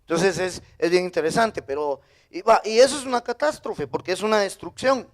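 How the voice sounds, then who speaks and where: A Guatemalan man preaching a sermon as pastor, lively, with sudden high emphatic bursts. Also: a little fast. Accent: Guatemalan Spanish.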